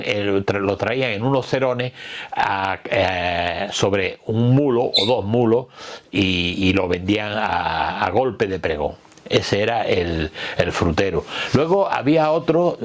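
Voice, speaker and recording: An older man from Málaga with an Andalusian accent, giving an informal local history talk in a halting way, repeating words as he searches for the next. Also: fairly low pitch. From Málaga, Spain. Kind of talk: informal talk recalling old street vendors.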